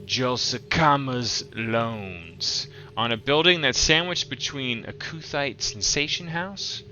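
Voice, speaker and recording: A man narrating a tabletop game as game master, improvising descriptions in a halting way. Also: fairly high pitch, expressive, sharp tone, highs cut off, slight background noise.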